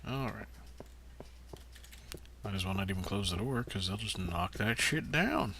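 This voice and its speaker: A man's voice: deep voice, expressive, fairly quick, sharp tone, slight background noise. A man casually commenting on his game as he plays, rambling with many fillers and talking to himself. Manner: rambling, lots of uh fillers, talks to himself while playing. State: hiccups. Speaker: gaming channel host. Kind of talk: casual let's-play commentary.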